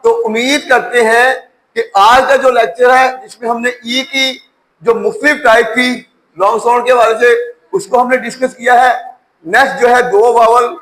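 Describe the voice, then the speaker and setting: A man's voice: extremely high pitch, steady tone, moderate pace, a bit bright, rough recording. A male English teacher giving a lecture, patiently spelling each word letter by letter before saying it.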